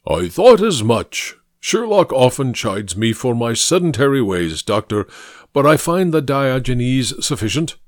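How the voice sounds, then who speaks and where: A man voicing a fat, genial, pompous older gentleman with a booming, patronizing lecturer's delivery in an audiobook reading. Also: sing-song, measured pace, dry recording, studio quality. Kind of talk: audiobook character voice.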